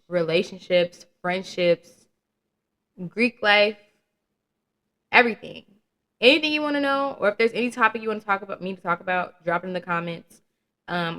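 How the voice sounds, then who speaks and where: A young woman of about twenty hosts her own solo podcast, speaking candidly and casually with slang and swearing, laughing at her own jokes. Her voice is medium-pitched, bright and forceful.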